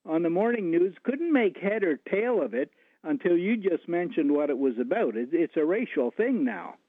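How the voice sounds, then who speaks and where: A male caller on a talk radio show, heard over the phone, talking haltingly with many restarts. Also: fairly high pitch, lively intonation, slightly rough, dry recording. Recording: tinny dry phone line.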